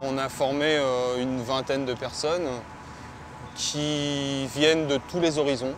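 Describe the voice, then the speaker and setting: A man's voice: medium pitch, level tone, slow pace. A man of forty, a boat pilot trainer, speaking earnestly and with emphasis in a workplace interview. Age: 40s. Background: background music.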